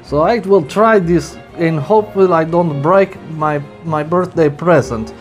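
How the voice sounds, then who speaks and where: Man in halting broken English, high voice. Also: soft background music. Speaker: RC hobby vlogger. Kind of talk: casual vlog commentary. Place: indoors at home.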